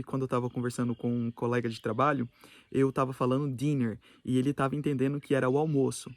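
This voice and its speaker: A man's voice: mid-range voice, vocal fry, no echo. Brazilian man explaining English words. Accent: Brazilian Portuguese. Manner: explains word differences plainly, mixing in English examples. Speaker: YouTuber. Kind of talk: casual explanatory vlog.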